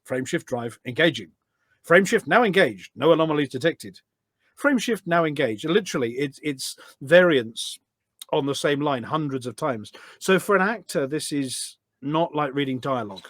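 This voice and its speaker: Animated and fairly high-pitched, a podcast guest who makes game voice packs tells stories eagerly at normal speed, wandering from detail to detail in casual chat. His tone is fairly bright, and the clean studio sound has no room echo.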